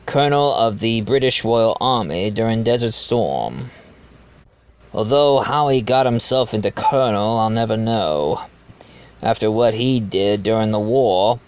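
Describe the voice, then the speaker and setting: A man's voice: mid-range voice, a little mellow, smooth, lo-fi sound, lightly acted. A man playing a genteel, blackmailing manor owner who confides in the listener in an amateur audio drama. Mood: hospitable, gossipy. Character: blackmailing manor owner, self-aware, genteel adoptive father.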